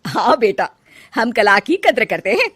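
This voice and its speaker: A woman voicing a loud, bossy older mother-in-law who gives orders in a dry, close voice. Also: on the high side, very animated, a little slow, breathy edge, no echo, heavily acted. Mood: proud. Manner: loud, commanding, calls out to her daughter-in-law.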